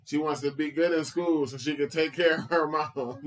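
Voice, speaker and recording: A man's voice: a little high, fairly even intonation, a little slow. A man co-hosting a podcast, recapping an anime episode in casual chat and laughing as he retells scenes. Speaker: podcast co-host.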